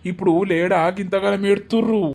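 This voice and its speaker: A man's voice: high voice, fairly even intonation, quick pace, creaky, darkish tone. A man voicing a firm Telangana village uncle. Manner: firm, reassuring. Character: protective village uncle, middle-aged, firm.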